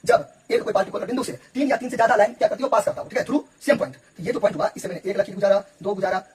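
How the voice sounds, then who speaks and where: A man teaching geometry in with terms, explaining quickly and repeating himself as he checks that the listener follows. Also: sits high, darkish tone, husky. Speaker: math teacher.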